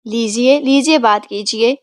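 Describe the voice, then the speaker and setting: A man's voice: extremely high pitch, clean tone, no room sound, clean studio sound. A woman voicing a cheeky young man who speaks to his father with sly, mock politeness. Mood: mock-polite.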